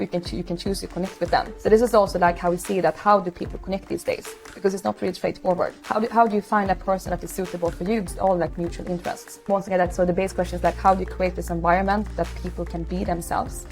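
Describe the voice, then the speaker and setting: A woman's voice: fairly low pitch, fairly even intonation, fast, few pauses, darkish tone, faint music behind, poor audio. Chatty Swedish-raised woman in her thirties. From Sweden. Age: 30s. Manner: chatty, many fillers and restarts. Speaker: guest, startup founder. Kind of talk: casual interview talk. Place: home room, video call.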